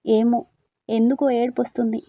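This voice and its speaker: A woman's voice: a little high, completely flat delivery, moderate pace, warm tone, no room sound. A woman voicing a timid young woman student who speaks hesitantly and sadly about her confused feelings, in a storybook reading. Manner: hesitant and unsure.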